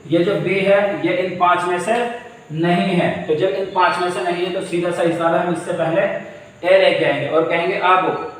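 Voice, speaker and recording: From far across a strongly echoing room with long reverb, a male English teacher delivers a grammar lesson in a fairly high voice. His tone is steady and his pace moderate as he patiently goes over each point again and asks his class questions.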